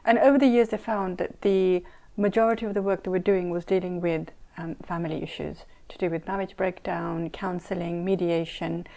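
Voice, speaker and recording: A woman's voice: fairly low pitch, fairly even intonation, normal speed, vocal fry, warm tone. A middle-aged woman scholar and mediator, born in Saudi Arabia and raised in Kenya and London, answering interview questions in an earnest, emphatic way and repeating points for stress.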